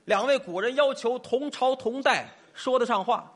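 A man performing stage crosstalk as the straight man. He lays out rules patiently and fires back quick, exasperated retorts. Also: extremely high pitch.

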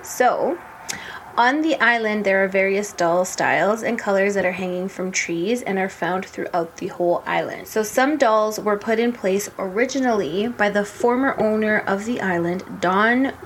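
A woman's voice: medium pitch, moderate pace, slight background noise, low-quality recording. Giggly chatty woman podcaster. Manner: chatty, giggly, many "like" and "um" fillers. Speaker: podcast co-host. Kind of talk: casual chat, storytelling. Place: home room with an open window.

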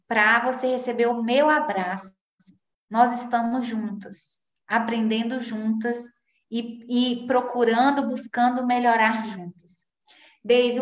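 A woman telling personal parenting stories in a candid, confessional and animated way. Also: on the high side, reverberant. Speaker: guest parenting speaker. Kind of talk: conversational storytelling.

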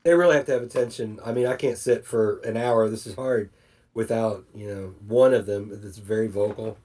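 Husky man on a distant mic. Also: lowish voice, moderate pace, mellow. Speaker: player. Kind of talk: casual chat at a tabletop game.

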